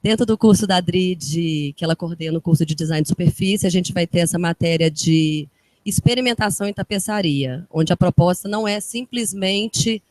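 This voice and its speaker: In a dry recording, a woman with a lowish, darkish voice speaks casually to an audience in an event room. She's a guest speaker and fashion designer from Minas Gerais, Brazil, with that region's accent, talking enthusiastically in fast bursts.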